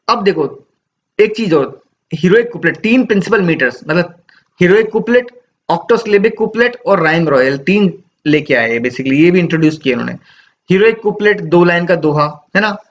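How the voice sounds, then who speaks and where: Male teacher, recorded lecture; patient, repetitive explainer; somewhat high voice, dull lo-fi audio. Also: a bit bright. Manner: explanatory, repeats key points with tag questions.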